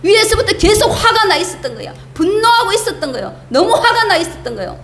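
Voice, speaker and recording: A woman's voice: extremely high pitch, big pitch swings, fast, a bit bright, echoey room. A woman pastor preaching a sermon in a church, asking her congregation emphatic rhetorical questions and acting out the complaints of the people she quotes. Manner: acts out the prophet's complaints in quoted speech. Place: church sanctuary.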